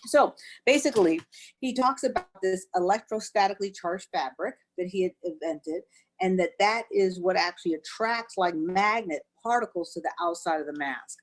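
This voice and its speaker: A woman with a slightly low voice presents a health webinar as a doctor. She explains things step by step, plainly and patiently, leaning on the word "actually". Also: moderate pace. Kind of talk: educational webinar talk.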